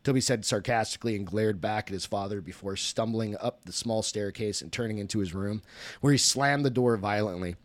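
A man's voice: fairly low pitch, a little fast, dry recording. A man, host of a podcast, reading a story aloud in a casual way, often stopping to correct himself.

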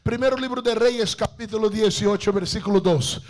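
A male preacher giving a fervent sermon, shouting declarations and calling on the congregation to respond. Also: high voice, normal speed.

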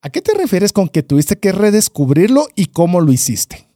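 A man's voice: high voice, very animated, normal speed, warm tone, no echo, studio quality. A man hosting a podcast interview, friendly and a bit hesitant, often repeating his words as he asks questions. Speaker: podcast host. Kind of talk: conversational interview.

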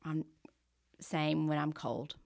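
A woman's voice: low voice, steady tone, takes it slowly, creaky. A woman with a Southern US accent co-hosting a podcast, chatty and curious, asking lots of questions. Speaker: podcast co-host. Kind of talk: casual chat.

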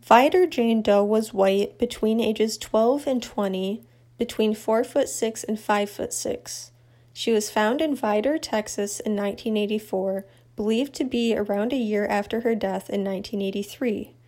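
A woman narrating a true crime update in an even, matter-of-fact scripted read. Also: medium pitch, normal speed.

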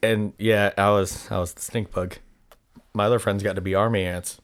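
A man's voice: lowish voice, little pitch movement, normal speed. A man co-hosting a podcast, telling a story in a rambling, joking way and swearing freely. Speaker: podcast co-host. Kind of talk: casual podcast chat.

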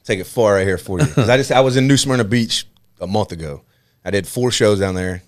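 A male comedian hosting a podcast, telling a profane story in a loose, animated, casual way. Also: on the low side, brisk.

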